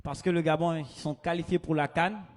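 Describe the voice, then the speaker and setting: A man performing live stand-up comedy as the show's host, talking in an animated way and booming announcements to the crowd. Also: fairly quick. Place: live comedy show on stage.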